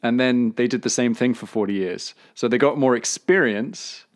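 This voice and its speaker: A man's voice: mid-range voice, normal speed. A man hosting a casual podcast interview, thoughtful and often repeating words as he starts sentences.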